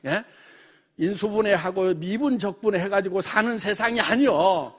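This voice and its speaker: A middle-aged man from the Jeolla region gives a motivational business talk to company members, animated and full of rhetorical questions. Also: sits high, normal speed. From Jeolla region, South Korea. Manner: animated, peppers speech with rhetorical questions and laughs. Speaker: company chairman addressing members.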